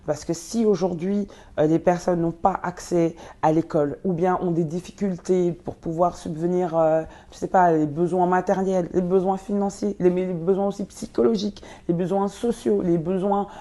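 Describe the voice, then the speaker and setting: A young woman who grew up in Belgium and was born in Congo, answering interview questions with many pauses and fillers. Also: on the low side, steady tone, dark tone. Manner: hesitant, many fillers and restarts. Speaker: guest, nonprofit co-founder.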